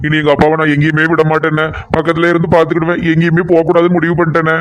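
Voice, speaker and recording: A man's voice: a little high, completely flat delivery, very fast, muffled recording, close to an everyday voice. A man voicing an upset young lawyer son in a cartoon comedy.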